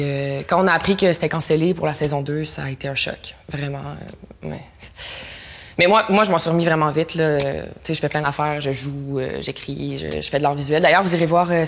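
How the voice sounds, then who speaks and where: A woman, an actor giving a rambling, self-promoting mockumentary interview with many hesitations. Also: deep voice.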